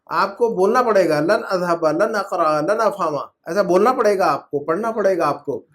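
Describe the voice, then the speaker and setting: High-voiced patient male teacher. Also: a bit bright. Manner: patient, repeats rules, drills students with questions. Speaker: Arabic grammar teacher. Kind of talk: online class explaining in Urdu. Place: at home.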